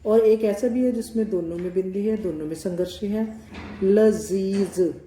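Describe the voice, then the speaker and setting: A woman teaching Hindi pronunciation to children, speaking slowly and stretching out each example word. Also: medium pitch, warm tone. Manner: slow, deliberate, stretching out example words. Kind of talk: slow classroom explanation to children. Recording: echoey room with faint ambient noise.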